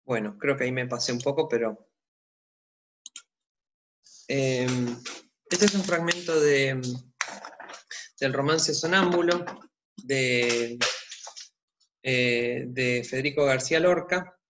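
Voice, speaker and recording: A man teaching a literature lesson, explaining calmly and thinking aloud as he goes. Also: medium pitch, slow pace, pauses often, background noise. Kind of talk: explanatory online lecture.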